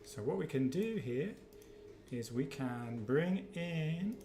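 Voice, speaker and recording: A man runs a casual livestream product demo, chatty and quick to joke. His voice sits fairly high. The room around him rings with a noticeable echo. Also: expressive, mellow, slight background noise. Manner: joking, chatty, upbeat. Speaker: company presenter on a livestream. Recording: roomy echo.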